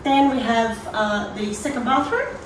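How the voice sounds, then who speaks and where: With a fairly high voice and a slightly slow delivery, an Australian presenter narrates a casual walk-through of a prize home, passing through hard-surfaced apartment rooms. The audio is echoey, distant-miked and noisy in the background.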